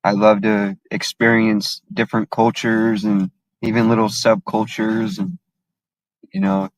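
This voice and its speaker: A man speaking as a guest in a casual chat, earnest, unhurried and reflective. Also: fairly low pitch, little pitch movement, no room sound, rough recording. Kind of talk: casual conversation.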